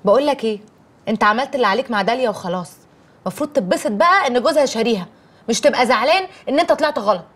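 An actress with an Egyptian accent plays a chatty young wife and daughter, coaxing her husband and soothing her mother as a peacemaker, sometimes mildly reproachful. Her voice is on the high side and fairly bright, with lively intonation and rapid-fire delivery.

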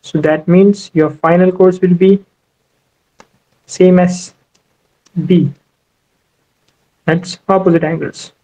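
Flat, mellow-voiced male navigation tutor. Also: high-pitched, slow, pauses often, low-quality recording. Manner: steady explanatory tone, repeats "you know" and "so". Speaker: maritime navigation instructor. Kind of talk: screen-recorded whiteboard tutorial. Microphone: voice-over for a tablet screen recording.

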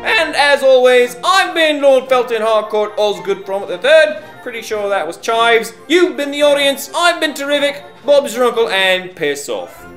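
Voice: medium pitch, normal speed, few pauses, faint music behind. An actor voicing a pompous, aristocratic puppet monster lord who hosts a comic vlog with old-fashioned slang. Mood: brisk. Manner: pompous, animated, British-style slang. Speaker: host.

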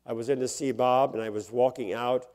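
A man's voice: medium pitch, steady tone, fairly quick, darkish tone. An older man, a pastor, preaching a sermon and telling personal stories in a conversational way, chuckling often and rising into emphatic bursts.

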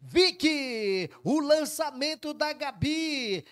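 A Brazilian man giving explosive football goal commentary, excited and shouting, stretching words out. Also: extremely high pitch, slow.

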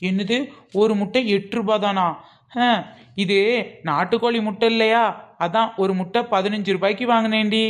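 A scheming omelette seller teases and haggles with her customers, played by a woman. She talks at a middle pitch in a mock-innocent way. It is a comic skit. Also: steady tone, moderate pace, natural voice. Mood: bargaining.

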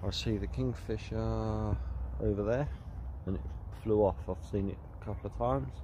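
Man, lowish voice, halting casual video diary, outdoors, faint ambience behind. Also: steady tone, dark tone, slight background noise. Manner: hesitant, many ums and restarts. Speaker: wildlife photography vlogger. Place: outdoors by water in nature.

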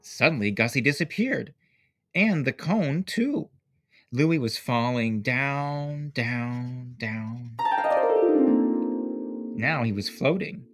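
Slow, expressive male storybook reader. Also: mid-range voice, faint music behind. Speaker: narrator. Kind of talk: picture book read-aloud.

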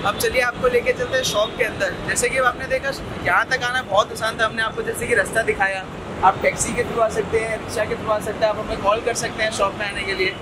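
A man's voice: high voice, fairly even intonation, brisk. A young man on a lapel mic walking a busy city street outdoors, explaining step by step how to reach a shop in an upbeat way. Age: young adult. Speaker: shop representative giving directions. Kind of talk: promotional walking guide. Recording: loud outdoor traffic noise.

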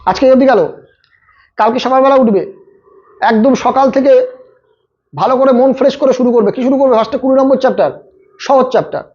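Speaking in a very high, slightly mellow voice, this man tutors maths and offers last-minute exam advice straight to his students. His delivery is fast and repetitive as he coaches them directly, and the audio is muffled.

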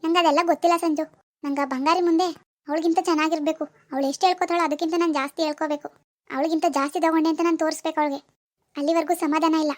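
A proud, demanding young village woman in a cartoon, voiced by a woman. She speaks in a very high, rapid voice, scolding and sarcastic. Her tone stays sharp and dismissive. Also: steady tone, close to an everyday voice. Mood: scornful. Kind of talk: cartoon dialogue voice acting.

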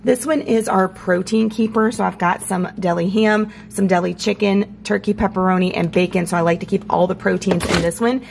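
Creaky American woman, voice giving out. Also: mid-range voice, steady tone, a little fast, hardly any pauses, a little mellow. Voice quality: strained, scratchy voice that is giving out. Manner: upbeat, informal, addresses viewers directly. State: voice giving out from allergies. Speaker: home organization vlogger. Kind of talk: casual chatty home tour vlog. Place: home kitchen, indoors. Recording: clear background hum and noise.

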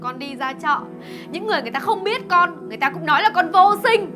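A woman's voice: very high-pitched, animated, fast. An actress playing a young wife who accuses her husband and mother-in-law, hurt and tearful. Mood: bitter. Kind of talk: short web drama acting. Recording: loud music behind the voice.

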